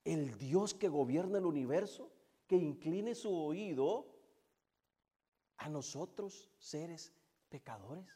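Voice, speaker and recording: A man preaching a sermon, moving between hushed, drawn-out passages and loud, fervent build-ups. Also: fairly high pitch, lively intonation, a little hiss or hum.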